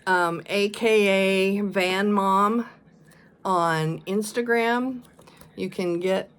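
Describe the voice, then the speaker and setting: A woman chatting casually as a vlog host, showing her stitching projects, with a relaxed, rambling manner and plenty of ums. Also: mid-range voice, vocal fry. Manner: slow, chatty, many ums and pauses. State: coughing and sneezing now and then. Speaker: flosstube vlogger. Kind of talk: casual show-and-tell chat.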